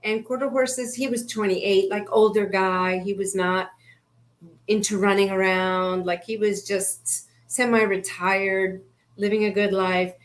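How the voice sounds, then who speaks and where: A woman's voice: mid-range voice, steady tone, a little slow. A woman who coaches people with horses, speaking earnestly and affirming her partner in a casual interview.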